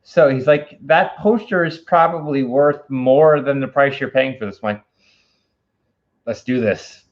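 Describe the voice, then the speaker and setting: A man's voice: mid-range voice, moderate pace, lo-fi sound. A man co-hosting a casual movie review, tipsy and rambling, given to wild overstatement.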